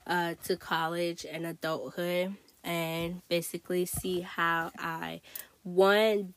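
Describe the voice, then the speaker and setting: A woman's voice: lowish voice, dry recording. Young woman from Togo, dry close sound. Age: late teens. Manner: informal, hesitant, peppered with "you know" and "like". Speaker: podcast host. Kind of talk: casual rambling solo podcast chat.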